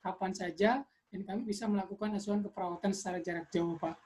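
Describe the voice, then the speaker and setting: A woman playing a telehealth nurse, speaking in a polite, explanatory customer service manner with halting repetitions. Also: mid-range voice, fairly even intonation, darkish tone, lightly acted. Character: polite telehealth nurse taking a patient's call. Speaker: telenursing nurse in a practice role-play. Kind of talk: role-played customer service call. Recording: faint background noise.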